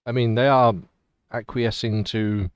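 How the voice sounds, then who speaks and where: A man's voice: mid-range voice, flat delivery, measured pace, clear, resonant tone, no room sound, dull audio. A man acting as game master, casually improvising narration for a tabletop role-playing game.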